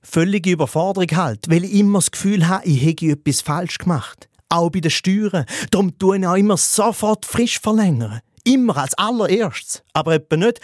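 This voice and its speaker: Satirical Swiss comedian, Swiss German accent, slightly high voice, dry close mic, mocking and exaggerated. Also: male voice, lively intonation, normal speed, few pauses, no echo. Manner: sarcastic, exaggerated, mimics voices. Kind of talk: scripted comedic monologue.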